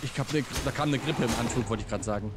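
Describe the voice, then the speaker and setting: A man's voice: mid-range voice, fast, heavy background noise. A man playing a co-op video game with a friend, joking playfully and tripping over his words. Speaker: let's play gamer. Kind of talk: casual co-op gaming chat.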